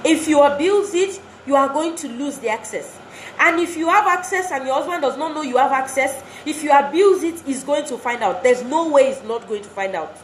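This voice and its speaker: A woman's voice: high-pitched, animated, moderate pace. A woman giving an earnest motivational talk to wives, exhorting and repeating phrases for emphasis. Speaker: speaker addressing wives. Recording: roomy echo, faint background noise.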